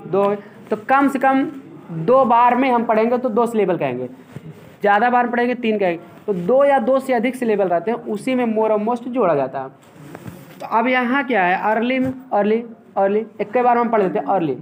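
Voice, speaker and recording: A man teaching a grammar lesson, explaining step by step and checking in with his students. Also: very high voice. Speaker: English teacher.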